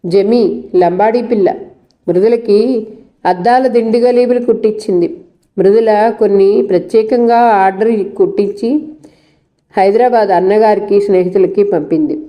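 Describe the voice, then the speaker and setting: A woman reading a novel aloud in a steady, measured way, giving the dialogue light voices. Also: mid-range voice. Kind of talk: novel read aloud, voicing all characters.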